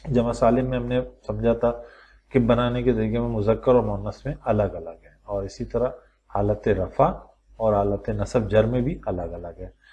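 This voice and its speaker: A male teacher with a low voice leads a recorded lesson. He walks through the material step by step and asks the class questions aloud. He slows down and draws out each word form when he lists examples. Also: fairly even intonation, dark tone, highs cut off. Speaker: Quran teacher.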